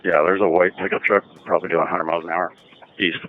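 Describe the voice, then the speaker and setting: A man's voice: low-pitched, little pitch movement, quick pace, soft background music. A police officer speaking over a police radio transmission, clipped and urgent as he directs another unit during a pursuit. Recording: tinny police radio audio.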